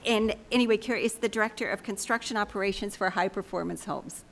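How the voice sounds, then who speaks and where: A woman's voice: medium pitch, fast talker, gravelly. A woman moderating a policy panel, introducing speakers in a friendly, slightly flustered way.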